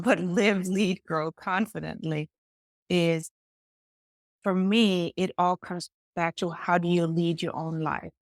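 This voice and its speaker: A middle-aged woman from Denmark, a guest in an interview, gives conversational answers about her coaching work in an earnest, emphatic way. Her pitch is fairly low, and the studio-quality recording has no echo.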